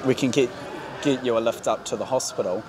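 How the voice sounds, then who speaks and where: A man's voice: medium pitch, fairly even intonation, a little fast, a crowd in the background. A man with a New Zealand accent, a paramedic explaining things to patients in a casual, reassuring way. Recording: clear outdoor street and vehicle noise. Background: street and vehicle noise.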